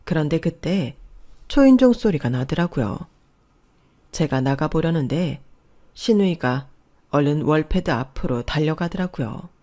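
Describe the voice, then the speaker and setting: Woman, storytelling narration, calm, first-person, lowish voice. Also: unhurried.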